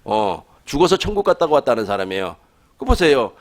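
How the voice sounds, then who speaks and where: A man's voice: mid-range voice, brisk. A male pastor preaching a sermon, putting questions to the congregation and chuckling as he speaks. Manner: animated, asks the congregation questions.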